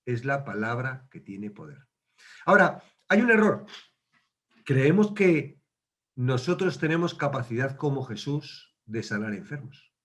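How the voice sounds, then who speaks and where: A man's voice: medium pitch, big pitch swings, unhurried, fairly bright tone. A man teaching a casual Bible study, conversational, asking questions and acting out quotes.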